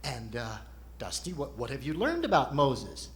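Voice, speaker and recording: A man's voice: mid-range voice, wildly swooping pitch, moderate pace, a bit bright. A man performing as a ventriloquist's straight man, asking patient, explanatory questions in a conversational stage routine.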